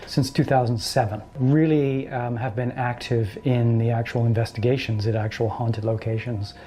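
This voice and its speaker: Guy, ghost researcher, warm mellow tone, tells his story with lots of ums and little voices for people. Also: medium pitch, normal speed. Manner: animated storyteller, acts out quoted voices. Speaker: paranormal researcher. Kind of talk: casual storytelling interview.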